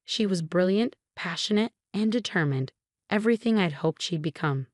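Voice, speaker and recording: A woman narrator reads a scripted first-person story in an even, measured way. Her voice is on the low side and sounds dry and close, with no room sound at all in this dry recording.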